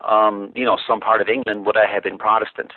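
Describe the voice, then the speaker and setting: An Irish man calls in by phone as a talk-show guest, explaining his views thoughtfully but restarting sentences often and using filler words. His voice is lowish and slightly rough, he talks fast with a flat delivery, and the tinny phone line sounds dry.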